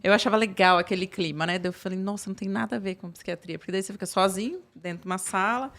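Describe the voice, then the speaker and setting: A woman's voice: medium pitch, rapid-fire, fairly bright tone. Brief: woman, 30s, psychiatrist guest, chatty storytelling, lots of fillers. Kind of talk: casual interview talk.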